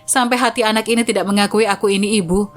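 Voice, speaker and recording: A woman's voice: medium pitch, fairly even intonation, quick pace, close to an everyday voice. Woman reading as a frail pleading old mother. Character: frail elderly mother longing for home.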